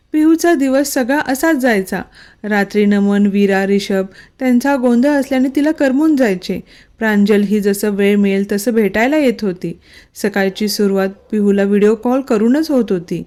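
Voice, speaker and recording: A woman narrating a romantic storybook in a steady, emotional reading voice. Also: mid-range voice. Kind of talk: scripted narration.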